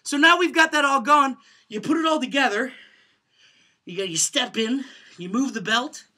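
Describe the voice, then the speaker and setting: A man talking through a mock tutorial in an offhand, deadpan way, full of fillers and pauses. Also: extremely high pitch. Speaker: home video presenter.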